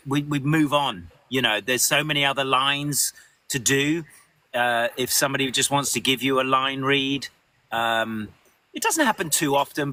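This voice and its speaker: A man, a voice actor, answering questions in a live interview, animated and full of restarts. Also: mid-range voice. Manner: animated, lots of restarts, acts out quotes.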